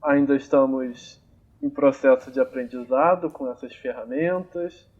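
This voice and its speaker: A young man hosts a casual podcast, speaking at an easy, unhurried pace with a middling pitch. He thinks out loud, using frequent fillers and restarts, and his amateur home recording on a phone or computer sounds slightly dull and lo-fi.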